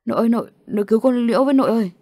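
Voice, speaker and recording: A woman's voice: a little high, racing, mellow, dry recording, studio quality, lightly acted. A woman voicing a frightened young boy in an audio story, who pleads in a rush. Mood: pleading.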